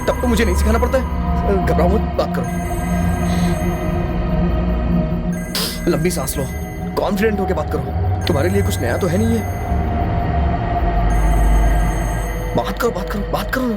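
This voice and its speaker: Young boyfriend in a horror film, panicked and yelling; loud score behind. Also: male voice, sits high, expressive, fast talker, over loud music. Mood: coaxing. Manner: frantic shouting for help. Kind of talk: dubbed film acting.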